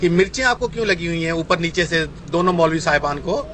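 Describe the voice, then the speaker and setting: A man's voice: on the high side, expressive, a bit bright, slight background noise. A man sending a voice message while driving, polite in tone but mocking, repeatedly saying please. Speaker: Ahmadi missionary debater. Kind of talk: voice-message debate. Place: in a moving car, driving.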